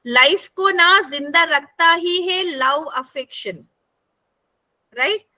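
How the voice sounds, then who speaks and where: Woman workshop facilitator, high and bright voice, chatty, keeps checking in with the room. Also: slow pace. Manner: conversational, keeps checking in with the group. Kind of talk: interactive workshop teaching.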